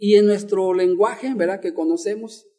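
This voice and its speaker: A man's voice: high voice, normal speed, mellow. A male pastor preaching a Bible-teaching sermon, repeating key words and asking the congregation questions.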